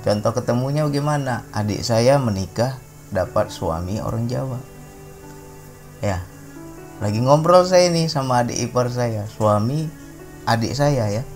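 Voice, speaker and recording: A man's voice: mid-range voice, animated, unhurried, long pauses, faint music behind. Sumatran man giving a chatty spiritual talk. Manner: conversational, peppers sentences with a questioning "ya". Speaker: religious talk speaker.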